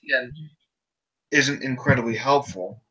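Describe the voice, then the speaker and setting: Bright-voiced young man thinking aloud. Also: mid-range voice, measured pace, husky, poor audio. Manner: loose and hesitant, thinking aloud. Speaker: student in a study group. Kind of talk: casual study-group chat. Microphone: video call.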